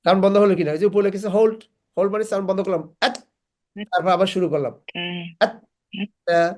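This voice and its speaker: A woman's voice: medium pitch, fairly even intonation, fast, a little mellow. A woman teaching Quran recitation in an online class, patiently repeating syllables aloud for students to copy. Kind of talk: slow online class instruction.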